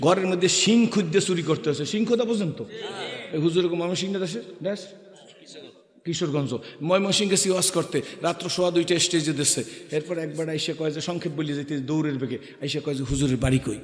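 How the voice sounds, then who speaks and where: Fiery preacher echoing through loudspeakers. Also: male voice, on the high side, fast. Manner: calls on the crowd to answer loudly, sings couplets. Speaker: Islamic preacher. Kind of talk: waz sermon to a large gathering. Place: outdoor sermon gathering with loudspeakers. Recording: echoey PA sound with long reverb.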